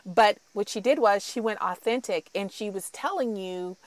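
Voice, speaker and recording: A woman's voice: mid-range voice, normal speed, no echo. A woman hosting an interview, encouraging and upbeat as she speaks to the guest and to the audience. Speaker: podcast host.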